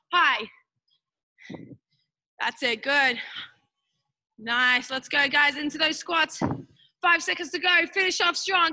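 A woman's voice: sits high, bright, forceful tone. A woman coaching a live workout, barking urging commands like a gym coach. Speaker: group fitness coach. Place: large gym studio.

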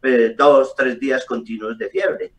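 A middle-aged man, a doctor, explaining calmly over a video call with frequent hesitations. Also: medium pitch, measured pace. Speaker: doctor guest. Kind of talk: explanatory interview answers. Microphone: webcam on a video call. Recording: distant video call audio.

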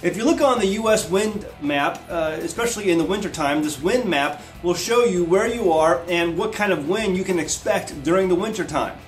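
With lively intonation and barely a pause, a thirtysomething American homesteading vlogger describes a product at a moderate pace in his high voice. Gentle music sits in the background, and his wood-floored living room with large windows adds a roomy echo.

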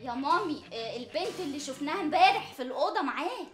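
An actress playing a naive, clingy young daughter in an Egyptian Arabic sitcom, with a whiny, pleading way of talking. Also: female voice, sits high, lively intonation, racing, fairly bright tone. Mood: suspicious. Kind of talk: sitcom acting. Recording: roomy set sound.

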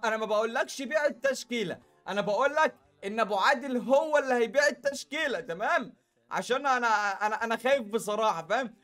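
Man, Egyptian Arabic accent, very high voice, gaming commentary, chatty and talking to viewers, faint music behind. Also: a bit bright. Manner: chatty, talks straight to viewers with lots of filler asides. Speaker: gaming YouTuber. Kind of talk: casual gameplay commentary.

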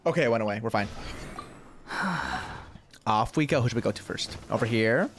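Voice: mid-range voice, expressive, a little hiss or hum. Chatty streamer talking over a game. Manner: chatty, reactive, quick asides. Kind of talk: casual game commentary.

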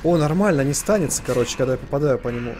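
A man's voice: a little high, lively intonation, rapid-fire, music in the background. A man doing casual live commentary as a scared horror game streamer, jumpy and slangy, joking and swearing as he tells stories. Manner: joking storyteller, slangy and profane.

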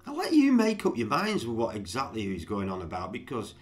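A man's voice: medium pitch, huge pitch swings, brisk. Rambling man mocking clips. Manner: rambling, stammering, jokey. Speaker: vlogger host. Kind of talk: mocking commentary to viewers.

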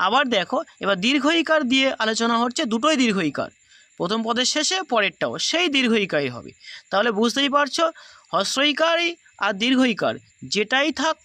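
High bright-voiced male teacher. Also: no echo. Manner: patient, repeats rules step by step. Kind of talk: recorded class lesson.

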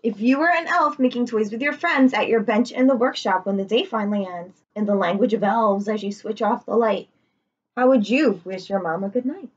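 Reading a picture book expressively to children, this young adult woman speaks briskly in a mid-range, breathy voice. She pauses for asides and questions to her listeners, recorded indoors in a living room on a slightly dull-sounding webcam.

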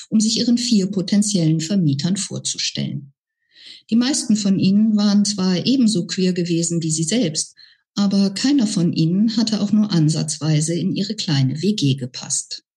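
A woman author reading her own novel aloud in an unhurried, even manner. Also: lowish voice, slightly rough. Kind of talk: book reading.

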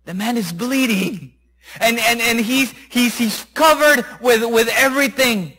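A man preaching a sermon, retelling a Bible story with animated, acted-out voices. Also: very high-pitched, measured pace, poor audio. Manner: animated, acts out characters' voices.

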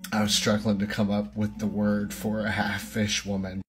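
A man's voice: on the low side, completely flat delivery, unhurried, fairly bright tone. A man hosting a crude comedic movie recap, rambling and profane, laughing at himself as he goes. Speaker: comedy video host. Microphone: handheld recording with VHS box in hand.

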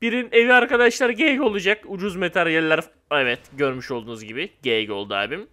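A young man giving casual gameplay commentary, excitable and loud at times, then dropping to a flat mock-calm mumble. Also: a little high, fast talker. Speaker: gamer.

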